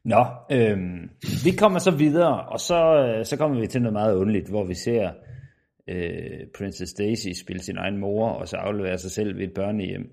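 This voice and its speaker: A man's voice: lowish voice, creaky, darkish tone. A man from Denmark co-hosting a film podcast, recapping the plot with hesitant stops and starts. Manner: hesitant, many fillers and restarts. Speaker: podcast co-host.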